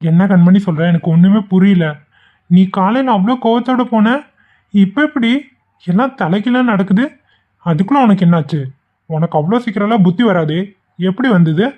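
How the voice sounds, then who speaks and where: A woman's voice: mid-range voice, moderate pace, long pauses, natural voice. A woman voicing a patient young husband. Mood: reasoning. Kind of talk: cartoon voice acting. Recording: dull lo-fi sound.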